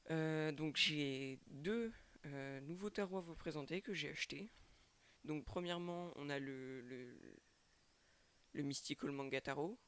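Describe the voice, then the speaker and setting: A man's voice: fairly high pitch, a little slow, fairly bright tone, clear, resonant tone. A man doing a casual tarot reading to a webcam with a microphone, stumbling and repeating words often. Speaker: tarot reader and channel host.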